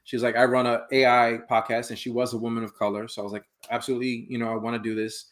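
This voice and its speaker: Man guest in a casual interview, mid-pitched, lively storyteller who voices the people he quotes. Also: quick pace. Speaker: guest, founder of an AI project.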